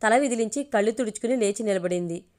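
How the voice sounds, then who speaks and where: A woman storyteller narrating a romantic audio story in a steady reading voice. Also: medium pitch, fast talker.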